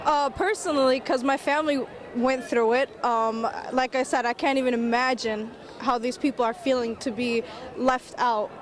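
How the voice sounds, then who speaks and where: A woman from Iraq answering questions in a street interview at a protest, earnest and speaking in quick bursts. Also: high-pitched, fairly even intonation, a little hiss or hum.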